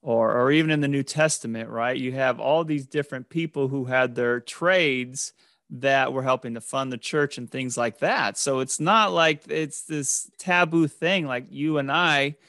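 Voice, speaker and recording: Man, from Los Angeles, host, casual reflective talk, mid pitch, dry close sound. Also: unhurried, dry recording. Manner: relaxed, reflective, with short affirmations and laughter. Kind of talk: casual conversation.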